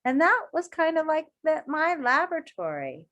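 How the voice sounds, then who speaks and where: A high-pitched woman reads a children's story in a deliberate, expressive teacher style, breaking off to pose questions and offer encouragement straight to the kids listening. The recording has its highs cut off.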